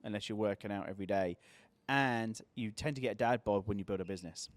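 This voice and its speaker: An English man in his late thirties hosting a podcast in casual, chatty conversation, easygoing and quick to laugh. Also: fairly low pitch, no echo. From England. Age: 30s. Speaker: podcast host. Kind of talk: casual chat.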